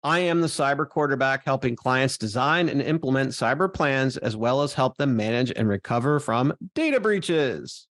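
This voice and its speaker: Man, podcast co-host, radio DJ announcer style, scripted introduction, medium pitch, dry recording. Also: lively intonation, moderate pace, few pauses, a bit bright, dry recording. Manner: announcer-like late-night radio DJ delivery. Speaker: podcast co-host, cybersecurity adviser.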